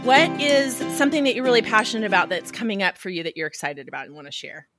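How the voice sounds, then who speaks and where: A woman hosting a podcast, chatting casually with quick reactions and frequent laughter. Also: mid-range voice, over music. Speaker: podcast host. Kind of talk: casual chat.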